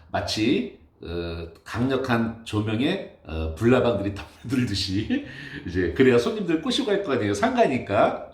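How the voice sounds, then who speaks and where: A man who works in building facility management, telling an exasperated, animated story about his job in a casual monologue. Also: medium pitch, echoey room. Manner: animated, exasperated anecdote telling with acted-out quotes.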